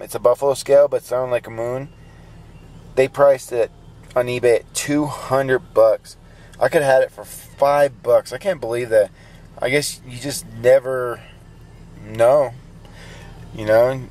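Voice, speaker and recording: A flea market reseller hosts a casual vlog about his finds, shot on a handheld phone camera. He speaks plainly with lots of ums and restarts, in a medium-pitched, darkish voice.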